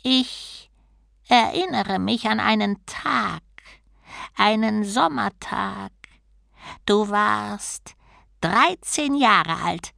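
A woman's voice: mid-range voice, animated, very slow, creaky, long pauses, fairly bright tone, no echo, clean studio sound, voice pushed up, exaggerated voice. A woman voicing a grumpy male god trapped as a small tortoise, indignant and sarcastic, in an audiobook. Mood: knowing. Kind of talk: audiobook character voice.

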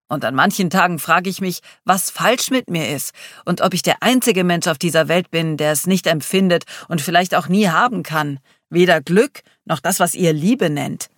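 A man's voice: high-pitched, a bit bright, dry recording, studio quality. A reader voicing a sarcastic young man who pours out his despair in an audiobook. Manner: raw, increasingly despairing outburst. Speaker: character in an audiobook. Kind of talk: audiobook reading.

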